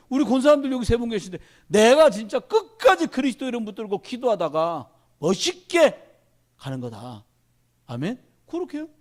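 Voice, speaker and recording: Male pastor, middle-aged, high and very animated delivery, sermon in church. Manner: animated preaching, addresses congregation directly.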